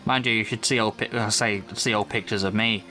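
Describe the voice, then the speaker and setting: A man's voice: lowish voice, steady tone, fairly quick, sharp tone, faint music behind. A tired man hosting a let's play, rambling and joking in casual chat over gameplay.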